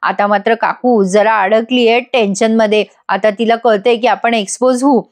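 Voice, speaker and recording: A woman's voice: on the high side, steady tone, moderate pace. A woman giving a voice-over recap of a TV serial episode. She retells each scene, quotes the characters' lines and speaks straight to her viewers. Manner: addresses viewers directly. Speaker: TV episode reviewer.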